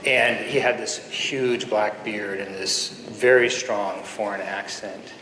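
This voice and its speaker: A man in his fifties, a surgeon giving an earnest keynote speech full of anecdotes, with pauses and fillers, at a podium microphone in a conference hall. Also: lowish voice, steady tone, sharp tone, a little hiss or hum. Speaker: guest speaker, surgeon. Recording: echoey hall with faint ambience.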